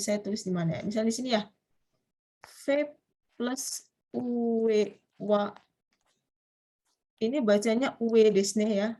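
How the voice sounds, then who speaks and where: A woman's voice: on the high side, a little mellow. A woman with an Indonesian accent teaching a Japanese grammar class online, explaining step by step and often putting questions to her students.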